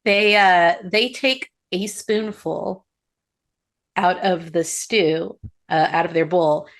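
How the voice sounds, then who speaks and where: A woman game master describes a scene for a tabletop game. She pauses often and fills the gaps with small words. Her voice sits low. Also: steady tone. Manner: descriptive, halting with fillers.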